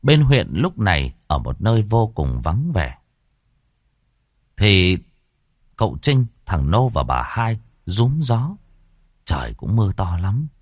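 A man narrating a horror story in a low, lively voice that rises and falls a lot. His telling is expressive and animated, and the sound is dry and close. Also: takes it slowly, long pauses, no room sound.

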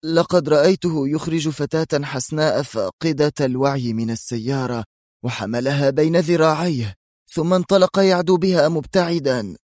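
A man voicing an eager, excited old male witness in an audiobook reading. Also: on the high side, normal speed, no echo, clean studio sound, pitched above the performer's own voice, close to an everyday voice. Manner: earnest and excited.

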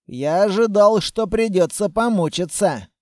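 A man voicing a gruff, grumbling soldier who scoffs at his comrades, a bit louder than his narration. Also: high-pitched, lively intonation, measured pace, dry recording, clean studio sound. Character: gruff grumbling male soldier, middle-aged.

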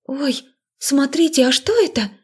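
A woman's voice: on the high side, unhurried, darkish tone, slightly rough. A woman voicing a stubborn, cheeky young witch who mocks and defies. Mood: mocking. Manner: mocking, defiant.

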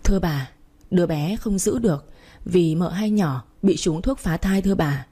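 Brief: scornful old healer man, voiced by a woman, dark, breathy, accusing, audiobook. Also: lowish voice, moderate pace. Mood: grave. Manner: contemptuous, accusing. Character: scornful male village herbalist.

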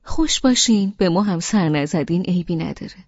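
A woman reading an audiobook, voicing a fussy, grumbling old grandmother who softens quickly. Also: lowish voice, lively intonation, lo-fi sound. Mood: conciliatory. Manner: grumbling, complaining.

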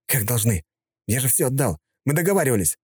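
A man's voice: mid-range voice, sing-song, fairly quick, a little mellow, slightly rough, dry recording, studio quality, voice pushed up. A man voicing a desperate young debtor who speaks in a strained, pleading way.

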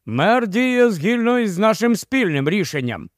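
A man's voice: sits high, very animated, a little slow, no room sound, studio quality, pitched above the performer's own voice. A man voicing a smug, officious town council member who lectures. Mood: lecturing.

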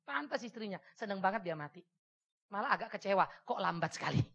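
A woman preaching a sermon in a lively, humorous way, acting out the voices of people in the stories. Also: mid-range voice, quick pace, vocal fry, husky. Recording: dull lo-fi sermon recording.

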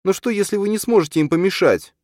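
A man's voice: sits high, fast talker, darkish tone, no echo, studio quality, voice pushed up, lightly acted. A man voicing a frightened, clingy boy of nearly ten who pleads with his mother, in an audiobook read aloud. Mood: insistent.

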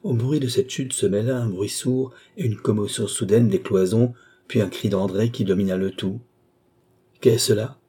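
Man narrating an old novel, low dark voice, kinda husky, steady. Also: moderate pace. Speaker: audiobook narrator. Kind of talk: scripted narration of a classic novel.

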